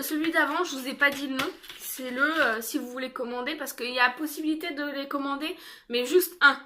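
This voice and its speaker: A woman's voice: high-pitched, bright, forceful tone. A young woman chatting casually in a haul video, with lots of fillers and restarts. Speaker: haul vlogger.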